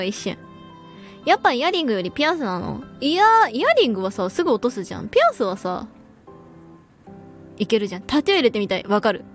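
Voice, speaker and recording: A young woman streaming as a VTuber, chatting casually and reading viewer comments, laughing often and using slangy speech. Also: on the high side.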